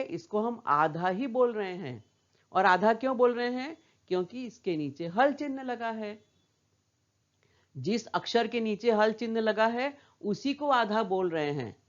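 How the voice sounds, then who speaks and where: A woman's voice: medium pitch, muffled recording. A woman teaching a primary school lesson, patiently repeating words and asking questions back to the children. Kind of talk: slow classroom lesson for young children.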